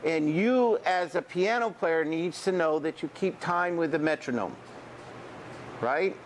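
Older man, welding instructor, fairly high voice, folksy classroom talk, faint background noise. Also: animated, unhurried. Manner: folksy, repeats "okay" and checks in with students. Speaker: welding teacher. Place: school welding shop and classroom, indoors.

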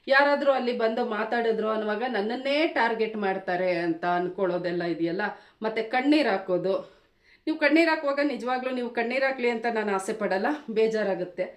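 A woman's voice: a little high, echoey room. A woman giving casual vlog commentary on a reality show, opinionated and speaking straight to the contestants. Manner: opinionated, addresses contestants directly.

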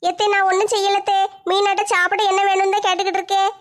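Woman playing elder sister-in-law, very high, quick, gentle, comedy skit. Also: flat delivery. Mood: reassuring. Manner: gentle, reassuring. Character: patient elder sister-in-law, kind homemaker.

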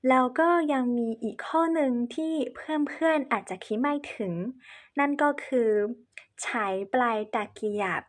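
Lady teaching in thai as a foreigner, a bit halting, polite, highish voice. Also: expressive. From China. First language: Chinese. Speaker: presenter on cultural etiquette. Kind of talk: explanatory lesson to camera.

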